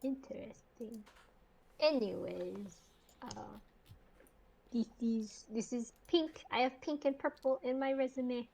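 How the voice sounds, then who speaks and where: A woman player chatting casually, telling stories in a drawn-out way. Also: a little high, creaky, dark tone, a little hiss or hum, poor audio. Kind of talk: casual chat.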